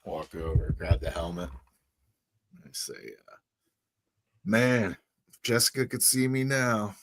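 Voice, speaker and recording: A man playing a tabletop roleplaying game, narrating his character in a low drawl that often trails off quietly. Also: animated, slow pace, dry recording. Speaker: player.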